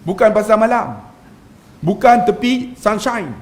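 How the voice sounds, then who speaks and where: A middle-aged man with a northern Malaysian Malay accent, preaching in a humorous storytelling style with sudden high outbursts, often turning to address the crowd. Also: lively intonation, unhurried. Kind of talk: humorous religious talk.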